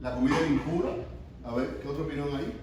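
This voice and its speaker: Teaching a sermon, a youth pastor from Cuba talks fast in a fairly high voice, quizzing listeners and repeatedly restarting his phrases. He is recorded from afar in an echoey room with background noise.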